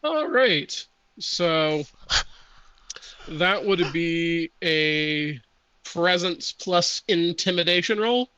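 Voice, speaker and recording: A man acting as game master, reading out rules and narrating a tabletop game in a slow, measured way with hesitant pauses. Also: on the high side, lively intonation, pushed and bright, clear, resonant tone, dry recording, poor audio.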